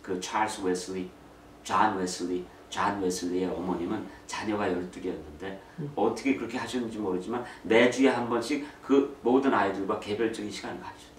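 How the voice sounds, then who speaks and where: Middle-aged man, lively talk in an echoey hall. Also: lowish voice, brisk, slight background noise. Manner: lively storytelling, acts out quotes; mixes in English phrases. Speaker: speaker on parenting. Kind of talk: church talk on raising children. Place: church hall. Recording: roomy echo from far mic, faint ambience.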